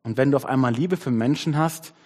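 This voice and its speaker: A man preaching a conversational sermon on his worship team's behalf, shifting his pace and dropping to soft tones. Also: mid-range voice, fairly quick, big-room sound. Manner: conversational, varies pace, softens to near-whisper. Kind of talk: sermon with a storybook reading.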